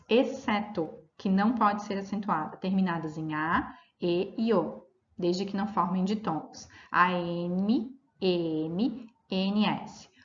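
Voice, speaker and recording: A woman teaching grammar at a middle pitch, patiently walking through rules and example words. Her voice sits in a roomy space, and the recording has a dull, slightly lo-fi edge. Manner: explanatory, checks in with "tá?" and "né?", spells out examples slowly. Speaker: Portuguese teacher.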